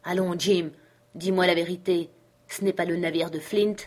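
A woman's voice: fairly low pitch, fairly even intonation, moderate pace, close to an everyday voice. A woman voicing a ragged, half-mad male castaway who talks in eager, rambling bursts. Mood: excited.

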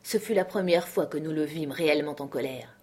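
A woman narrating an audiobook in a quiet, measured storytelling manner. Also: low-pitched, husky. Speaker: audiobook reader. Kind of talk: scripted narration.

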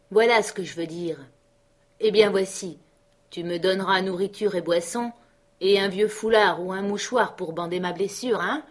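A woman voicing a gruff wounded old pirate. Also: lowish voice, natural voice. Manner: gruff, grumbling. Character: wounded surly old male pirate sailor.

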